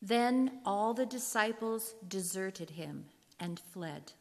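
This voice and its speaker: A woman narrating scripture in a deliberate, clearly phrased way, in a reverberant hall. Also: mid-range voice, lively intonation, a little mellow. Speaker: narrator in a church readers' theater.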